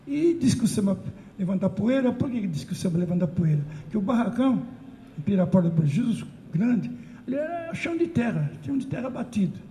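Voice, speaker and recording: An older Brazilian woman telling an animated, emotional story of remembered traditions at a community talk circle. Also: mid-range voice, fairly quick, slight background noise. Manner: animated, emotional, breaks into chanted calls. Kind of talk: storytelling recollection. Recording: roomy echo.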